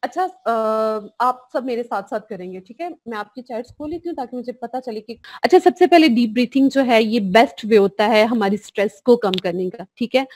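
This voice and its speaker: A woman's voice: a little high, normal speed, few pauses, no room sound. A woman, a clinical psychologist giving a live online course in a chatty, casual way, dropping in English phrases. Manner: chatty and warm, mixing in English phrases, reading out chats.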